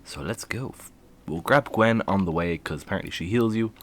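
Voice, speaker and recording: A man's voice: deep voice, fairly quick. A man giving casual, playful commentary while streaming a game, laughing and humming to himself as he plays.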